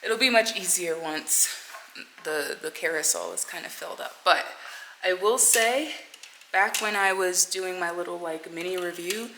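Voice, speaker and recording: This woman's voice leans low and keeps a normal speed, with background noise audible throughout. In her thirties, she vlogs from her kitchen and then a car, chatting to the camera and greeting her audience as folks and y'all.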